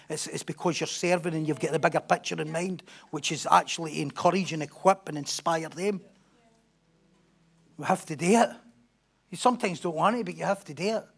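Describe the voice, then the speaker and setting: Pastor preaching emphatically. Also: male voice, fairly high pitch, vocal fry. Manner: emphatic, repetitive preaching with rhetorical questions. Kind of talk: sermon.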